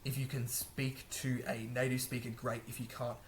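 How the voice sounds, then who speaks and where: A man with a flat, medium-pitched voice offers casual language-learning tips to camera at a moderate pace from a room indoors, with slight background noise. His talk is rambling and chatty, full of restarts and self-corrections.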